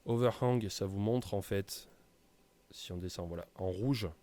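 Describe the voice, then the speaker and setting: A man walks through software settings in a casual tutorial, with many hesitations and fillers. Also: fairly low pitch, measured pace. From France. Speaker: tutorial presenter. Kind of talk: screen-recorded software tutorial.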